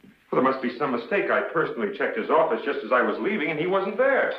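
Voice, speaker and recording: A man's voice: mid-range voice, big pitch swings, fast, natural voice. An actor playing a defensive, formal male scientist in a 1950s film drama. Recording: dull, echoey old film soundtrack.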